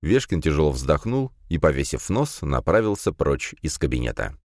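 Male audiobook narrator, steady and measured, deep register. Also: no echo, clean studio sound. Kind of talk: scripted narration.

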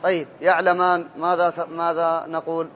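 In this dull lo-fi classroom recording, with a little background noise, a man who teaches Arabic morphology runs a grammar drill, naming students and fixing their responses. He speaks at a moderate pace in a high-leaning voice with a totally flat delivery.

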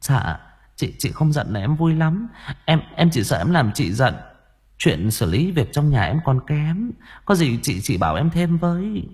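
Brief: man putting on a fawning second wife, middle-aged, sweet and ingratiating, high and soft. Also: measured pace, slightly rough, heavily acted. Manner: sweet, flattering, stammering.

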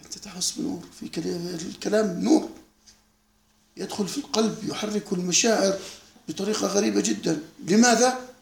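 A man's voice: sits high, fairly quick, vocal fry, reverberant. A man teaching a classical text, lecturing with rhetorical questions and laughing asides. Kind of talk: spontaneous lecture commentary.

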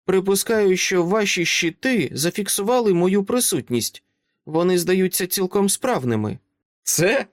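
A man doing a calm little British girl. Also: high-pitched, measured pace, no echo, studio quality, pitched above the performer's own voice. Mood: calm earnest. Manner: calm, composed and earnest. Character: serious seven-year-old girl, calm and precise.

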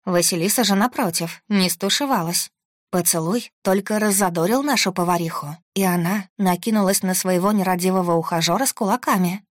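A woman reading a first-person story aloud in an even, steady manner. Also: fairly low pitch, fairly quick, no echo, studio quality. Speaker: audiobook narrator. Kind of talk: scripted first-person narration.

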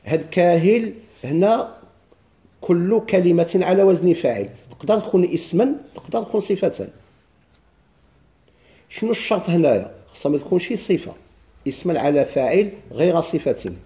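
A man's voice: a little high, mellow. Moroccan man teaching Arabic grammar. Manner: drills students with questions and answers; chants verse slowly. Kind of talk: classroom lesson with questions.

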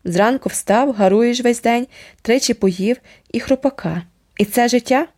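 A woman reading an audiobook and voicing a blunt, blustering rustic uncle who talks loudly at the dinner table. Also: fairly high pitch, measured pace, voice pushed up, close to an everyday voice. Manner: loud, blunt declarations.

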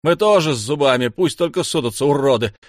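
A man reading an audiobook voices a reckless, defiant young man who shouts and curses, with a dry, close sound. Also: a little high, animated, fast talker, no room sound, pitched above the performer's own voice. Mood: shouting, defiant. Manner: shouting, rough, cursing.

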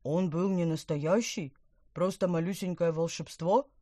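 A woman's voice: lowish voice, fairly even intonation, a little slow, mellow, dry recording, clean studio sound. A woman reading a storybook aloud and voicing a fretful old male carp who gurgles, stammers and scolds. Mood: indignant.

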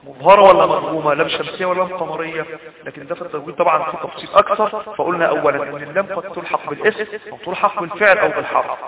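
Fast-talking Egyptian man teaching recitation rules. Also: a little high. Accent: Egyptian Arabic. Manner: explanatory, repeats points and asks rhetorical questions. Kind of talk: recorded lesson explaining recitation rules. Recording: tinny phone-like sound, roomy and distant from the mic.

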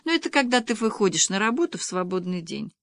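A woman's voice: mid-range voice, sing-song, fast talker. A woman reading an audiobook, voicing a sardonic young woman who sounds mocking and exasperated.

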